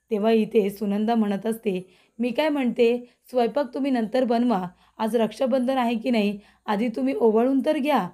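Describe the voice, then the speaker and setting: A woman's voice: fairly high pitch, mellow. A woman retelling a TV serial episode to viewers, reading every character's lines in her own voice. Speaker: serial recap narrator.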